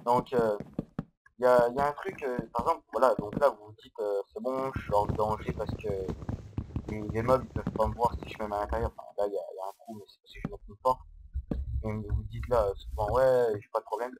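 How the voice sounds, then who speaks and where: A man's voice: fairly low pitch, fairly even intonation, fairly quick, background noise. Hesitant man narrating his gameplay. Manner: hesitant, rambling, explaining step by step. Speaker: Minecraft let's-player. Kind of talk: casual gameplay commentary. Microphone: low-quality microphone.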